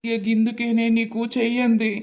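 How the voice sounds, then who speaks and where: Young male cartoon student, sorrowful, a bit high-pitched, woman actor. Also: completely flat delivery, normal speed, darkish tone, muffled recording, close to an everyday voice. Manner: sorrowful, complaining. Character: young male college student, grieving family trouble. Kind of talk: village cartoon voice acting.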